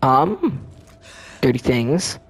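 A man giving casual let's-play commentary, chatty and excitable, often talking straight to the enemies on screen. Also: medium pitch, drawn-out words, slightly rough. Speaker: gameplay commentator.

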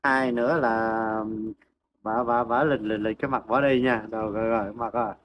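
A man's voice: mid-range voice, fairly even intonation, normal speed, lo-fi sound, a little hiss or hum. A man talking to his dogs in a casual farm vlog, coaxing them with repeated questions and then explaining to viewers. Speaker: farm pet vlogger. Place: outdoors at a farm home. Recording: outdoor ambience and animal sounds behind.

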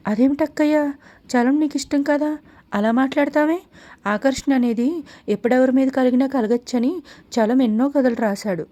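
A woman voicing a young, impatient and chatty younger sister in an audiobook story, talking in an excited, slightly haughty way. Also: sits high, moderate pace, no echo. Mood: eager.

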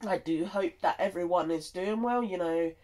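A content creator giving a casual, halting and rambling update, sounding tired and nasally congested from a cold. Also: medium pitch, darkish tone.

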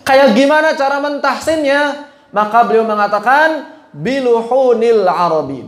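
In this relaxed religious lesson, a male Quran recitation teacher keeps stopping to quiz his class, blending casual speech with chanted Arabic. He speaks in a high voice inside a room with clear echo, sliding comfortably from ordinary chat into careful explanation.

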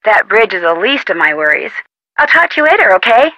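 A young American woman voices a chatty, polite amateur detective in an adventure game, sounding friendly, casual and curious. Her medium-pitched voice is very animated, fairly quick and sharp, delivered like a phone call. The audio is poor but has no room sound.

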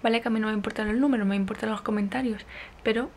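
A young woman with a Spanish accent from Alicante talks straight to camera in a casual daily vlog. Her voice sits a little high, and she is bubbly and excitable, breaking into squeals and giggles. A faint hiss runs under the recording. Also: very fast. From Spain. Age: 20s. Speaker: vlogger.

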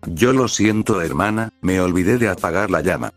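Man reading a shy young heroine, low voice, faint music behind, fan story. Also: expressive, normal speed, no room sound. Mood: timid. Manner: shy, pleading, tearful. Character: timid lovesick young woman warrior.

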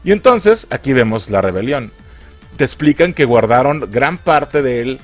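Energetic Mexican man reviewing a film in casual, slangy talk. His pitch swings widely as he mocks the plot. Faint music plays softly underneath. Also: unhurried. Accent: Mexican Spanish. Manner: crude slangy mockery.

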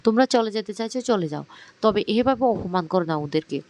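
A man's voice: high-pitched, lively intonation, quick pace, darkish tone. A man voicing an old grandmother who scolds in a reproachful way.

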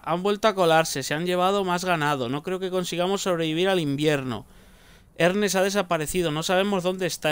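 A man commentates casually on a video game, muttering to himself and cracking jokes. His voice is smooth and clean, pitched a bit above the usual for a man. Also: fairly bright tone. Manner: muttering to himself, joking, swearing. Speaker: gaming streamer.

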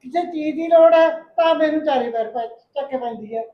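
A resentful young village wife answering back, played by a woman. Her voice is high, and the recording sounds echoey and dull. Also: brisk, a little hiss or hum, lightly acted. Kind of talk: scripted village short film acting.

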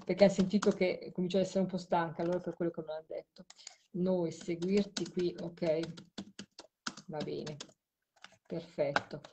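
A woman's voice: fairly low pitch, steady tone, normal speed, long pauses, noisy background. A tired woman hosting a late live stream, talking to a caller while she replays audio clips. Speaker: host of a live show on spirit voice recordings.

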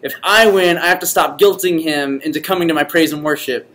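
High-pitched young man eating gross jelly beans. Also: brisk. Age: young adult. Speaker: challenge host and contestant. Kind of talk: casual chat to camera. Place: large indoor common room. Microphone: camera mic at arm's length. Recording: noisy room, camera microphone.

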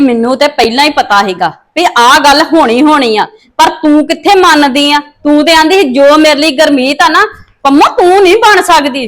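A woman's voice: high voice, a bit bright. A woman playing a sister-in-law who gossips and exclaims. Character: sharp-tongued sister-in-law. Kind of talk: family drama acting.

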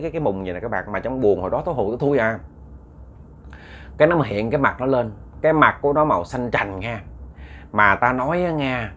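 A man's voice: mid-range voice, fairly bright tone. A man narrates a ghost story in a loose, conversational way. He stumbles over repeated words and keeps turning to address his listeners directly. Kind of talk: casual spoken storytelling.

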